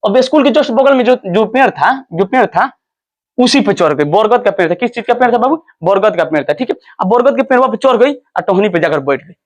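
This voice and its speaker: A man teaching a story lesson in an animated way, checking understanding with repeated questions and acting out the characters' cries. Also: high voice, brisk, dull audio. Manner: acts out characters' cries in quoted lines.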